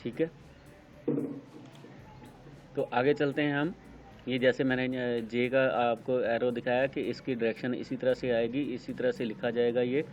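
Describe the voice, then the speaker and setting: Pakistani man teaching shorthand, flat voice. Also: medium pitch. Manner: unhurried, explains step by step with many pauses and fillers. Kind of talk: screen-recorded tutorial explanation. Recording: dull lo-fi sound with faint noise.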